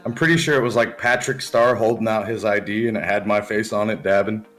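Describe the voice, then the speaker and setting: A man's voice: lowish voice, fairly quick, fairly bright tone. Young male streamer, frat-bro slang and swearing, casual livestream chat over faint music. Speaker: gaming streamer.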